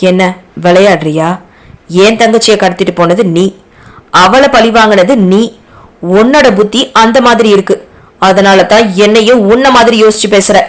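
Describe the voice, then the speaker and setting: A woman's voice: medium pitch, moderate pace, close to an everyday voice. A woman voicing a young man who speaks harshly and scornfully.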